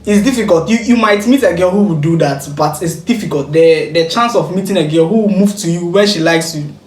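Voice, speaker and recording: Ghana-born reaction host, chatty and animated, mid pitch, echoey room. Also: a little fast. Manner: chatty, animated, explains clips to viewers. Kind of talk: casual reaction commentary. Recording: echoey room with faint noise.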